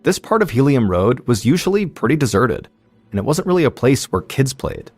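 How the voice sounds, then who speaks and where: A man hosting a podcast, telling a true-crime story in measured, suspenseful scripted narration. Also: medium pitch, very animated, breathy edge, dry recording. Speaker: podcast host.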